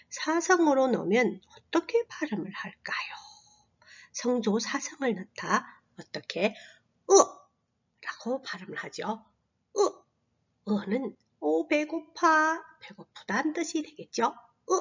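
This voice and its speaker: A woman teaching a slow, patient language lesson to children, modeling sounds in long drawn-out tones and dropping to a soft whisper on asides. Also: medium pitch, sing-song, muffled recording. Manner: drops to a breathy near-whisper on asides.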